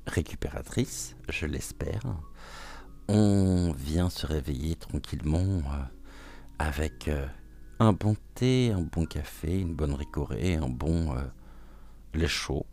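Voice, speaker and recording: A man hosting a gentle morning oracle card reading, talking softly and soothingly with many hesitant pauses. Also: rumbling low. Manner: hesitant, frequent filler pauses; soft, soothing, welcoming. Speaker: oracle card reader, channel host.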